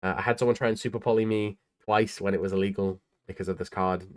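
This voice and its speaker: A man's voice: on the low side, fairly even intonation, fast, clear, resonant tone. A tired young man casually talking through his tournament card deck in a laid-back, rambling way, with lots of ums and uhs. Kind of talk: casual deck profile talk.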